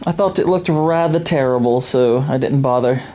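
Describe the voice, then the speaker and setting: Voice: medium pitch, normal speed, mellow, a little hiss or hum. A gamer giving dry, understated commentary while playing a video game. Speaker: let's play gamer. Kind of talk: casual gameplay commentary.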